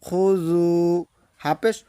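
A man teaching recitation step by step, spelling letter by letter with patient explanations and slowly drawing out each recited word in a sing-song way, in a Bangladeshi Bengali accent. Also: sits high, steady tone, dark tone, smooth, no room sound. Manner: slow sing-song drawn-out recitation of words.

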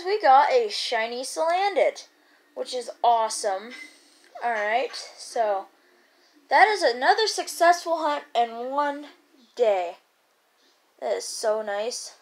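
A woman giving casual gameplay commentary as a YouTuber, rambling and chatty with excited bursts. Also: fairly high pitch. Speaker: gaming YouTuber.

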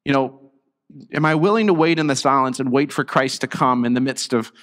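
A man's voice: mid-range voice, brisk, fairly bright tone, big-room sound. A middle-aged male pastor preaching a conversational sermon, his voice recovering after being lost. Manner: earnest, conversational preaching with restarts. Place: church sanctuary.

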